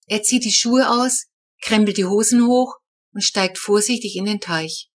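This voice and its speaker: A woman narrating a children's audiobook in the first person, with a lively, wry telling. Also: mid-range voice, a little slow.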